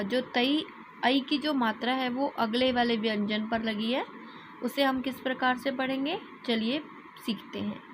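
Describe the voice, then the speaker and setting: A woman teaching young children to read, sounding out each word syllable by syllable before blending it, then explaining in quick asides. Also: high-pitched, fairly bright tone, a little hiss or hum, rough recording. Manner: reads words syllable by syllable, slow and deliberate, then explains quickly. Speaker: primary school teacher. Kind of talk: reading lesson for young children.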